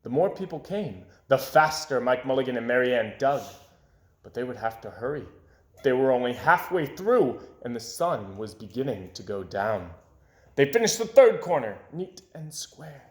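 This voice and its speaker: A man reads a children's story aloud at normal speed in a sing-song, medium-pitched voice, playing with volume and pacing for dramatic suspense. The recording was made in a roomy home space.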